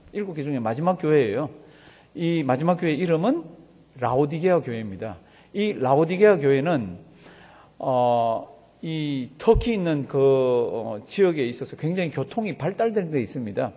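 A man's voice: fairly high pitch, very animated, moderate pace, dark tone, slightly rough, big-room sound. A male pastor preaching a sermon, asking the congregation questions and leading them through the scripture reading.

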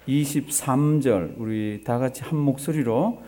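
This pastor speaks at a measured pace in a mellow, medium-pitched voice. His sermon is conversational: rhetorical questions go out to the congregation, they answer back, and he repeats phrases for emphasis.

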